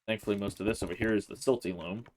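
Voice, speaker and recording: Low-voiced man rambling through gameplay. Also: rapid-fire. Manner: relaxed, rambling, thinks aloud with frequent "uh" and "like". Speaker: Let's Play host. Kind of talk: casual gameplay commentary.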